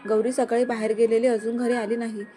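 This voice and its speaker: A caring middle-aged mother who speaks calmly with concern, read by a woman storyteller. The pitch is a little high, and music plays underneath. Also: a little fast, lightly acted. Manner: calm, concerned. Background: background music.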